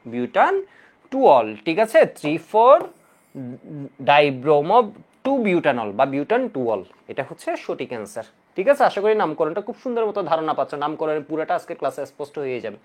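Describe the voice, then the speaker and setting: Male chemistry tutor, exam cram lecture, animated, coaxing Q&A delivery. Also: fairly high pitch, brisk. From Bangladesh. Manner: lively, coaxing, asks students questions and answers them himself; repeats key rules in drilling chants. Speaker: chemistry teacher.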